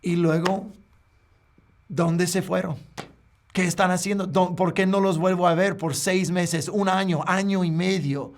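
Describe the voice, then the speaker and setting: A man, a pastor, preaching a sermon in an earnest, halting way with frequent restarts. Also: high-pitched, fairly even intonation.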